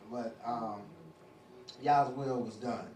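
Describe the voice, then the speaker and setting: A man's voice: medium pitch, slow pace, darkish tone. A man teaching a casual Bible study, rambling and padding his talk with fillers. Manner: rambling, full of "you know" fillers. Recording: roomy, distant, faint hiss.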